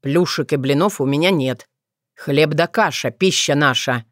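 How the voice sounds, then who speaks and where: A woman's voice: deep voice, unhurried, a bit bright, no room sound, clean studio sound. A woman narrator voicing a weary young man who grumbles and sounds resigned. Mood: grumbling.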